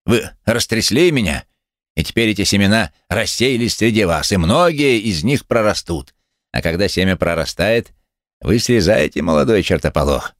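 A man's voice: on the low side, lively intonation, moderate pace, no room sound, studio quality, pitched above the performer's own voice, natural voice. A man voicing a sneering one-legged male cynic who speaks with mocking contempt. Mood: defiant.

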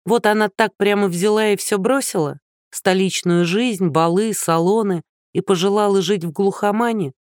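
A man's voice: expressive, unhurried, no room sound, clean studio sound. A man doing prickly young woman Liza. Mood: scornful. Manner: higher, clipped retorts.

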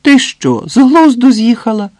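A lively young woman full of cheeky banter, as a male narrator puts her on in a storybook reading. Her voice lifts high and ringing above his usual tone, bouncy and bossy in a friendly way. The recording is close and dry. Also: measured pace, no room sound, heavily acted. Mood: teasing. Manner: playful, bubbly, bossy banter.

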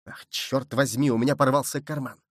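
Man doing a shrewd musketeer, swaggering, brisk, commanding, dry close sound. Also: mid-range voice, steady tone, no echo, close to an everyday voice. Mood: sly.

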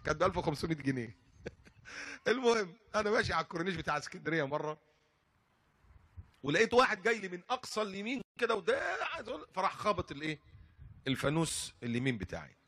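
A man's voice: sits high, fast talker, pauses often, slightly rough. An older man with an Upper Egyptian Arabic accent who preaches a sermon and tells stories and jokes with plenty of humor. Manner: lively storytelling, jokes and laughs.

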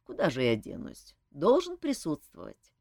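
Lady doing a joking bossy guy, slightly low voice, storybook. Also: huge pitch swings, normal speed, vocal fry, a little mellow, no echo, clean studio sound, full character voice. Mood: wry. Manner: wry, joking.

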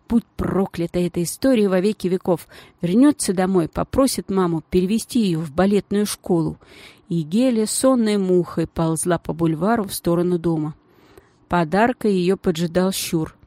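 Женщина с выразительной живой манерой читает вслух детскую повесть. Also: female voice, mid-range voice, mellow, no room sound. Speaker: audiobook reader. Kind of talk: storybook narration.

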